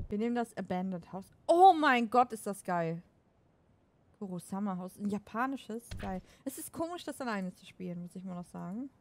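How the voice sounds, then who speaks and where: Lively, excitable woman streamer. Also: medium pitch, unhurried, pauses often. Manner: excitable, laughs often, shouts game commands. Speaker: let's play streamer. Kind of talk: casual gameplay commentary.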